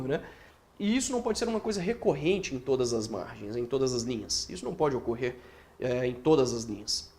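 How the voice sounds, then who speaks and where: Lively Brazilian man teaching writing. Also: on the high side. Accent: Brazilian Portuguese. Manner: explains with quick rhetorical questions and tag questions; acts out student questions in his own voice. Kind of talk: online course lecture.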